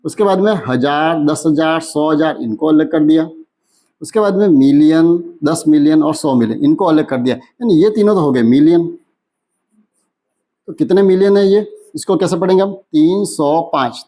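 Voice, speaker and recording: A man teaching a maths lesson in who keeps asking questions and answering them himself, slowing down when he reads out numbers. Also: fairly high pitch, mellow. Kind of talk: classroom lesson explanation.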